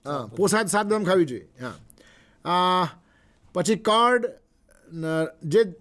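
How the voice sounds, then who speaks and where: A man with a Gujarati accent giving a health lecture, unhurried and repetitive, pausing often with fillers. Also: high voice, lively intonation, a bit bright. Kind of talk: health talk mixing Gujarati and English.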